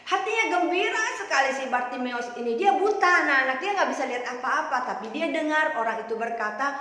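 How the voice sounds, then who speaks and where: A woman's voice: sits high, lively intonation, quick pace, bright, forceful tone, very echoey, big-room sound. A woman, a Sunday school teacher telling a story to children and asking them playful questions. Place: church hall.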